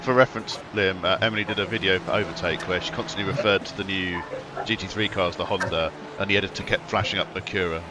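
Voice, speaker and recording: Low-voiced man hosting a racing stream. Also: steady tone, quick pace, over loud music. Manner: wry, joking asides. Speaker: stream host and sim racer. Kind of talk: casual chat while racing. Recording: loud noise over the voice.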